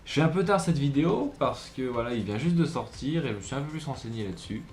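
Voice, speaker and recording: A man's voice: mid-range voice, expressive, fast, darkish tone. A man giving a casual phone review, hesitant with many fillers and restarts. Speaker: tech reviewer. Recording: roomy echo with faint music.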